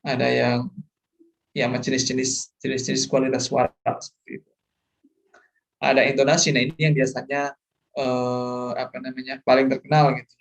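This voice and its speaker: A man's voice: medium pitch, little pitch movement, normal speed, vocal fry, long pauses. A middle-aged male lecturer, explaining course material and often checking that students follow, mixing English terms into his talk. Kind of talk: online lecture.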